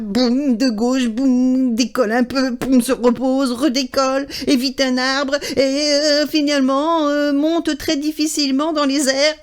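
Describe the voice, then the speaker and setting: A woman telling a children's story aloud in an expressive, animated way. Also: high-pitched.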